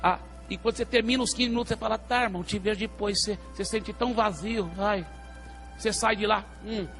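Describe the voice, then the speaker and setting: Male pastor, animated sermon storyteller, slightly high voice, faint music underneath. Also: fast, gravelly. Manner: animated storytelling, calling out to the congregation.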